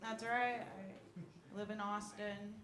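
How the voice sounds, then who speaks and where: Young female stand-up comic, self-mocking and deadpan, live club sound with room echo. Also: medium pitch, slow pace, a crowd in the background. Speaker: stand-up comedian. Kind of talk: stand-up comedy set. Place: comedy club stage with audience. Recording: echoey room with audience noise.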